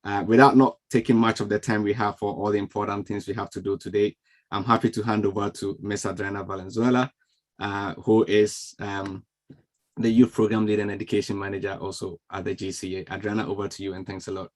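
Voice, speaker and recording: Male webinar moderator on a video call, welcoming, filler-heavy, slightly low voice. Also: little pitch movement, brisk. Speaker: webinar host. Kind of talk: online event moderation. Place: home or office on a video call. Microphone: video call microphone.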